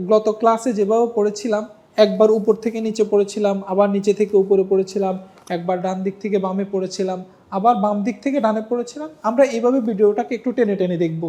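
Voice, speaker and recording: A Quran reading teacher from Bangladesh with a mellow, dark voice. Stretches each letter and vowel slowly in repeated drills. Keeps coaxing the learner to try again and compare the sound. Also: mid-range voice. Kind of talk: step-by-step recitation lesson.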